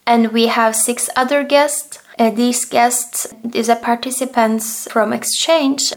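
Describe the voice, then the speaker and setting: Higher-voiced woman hosting radio interview.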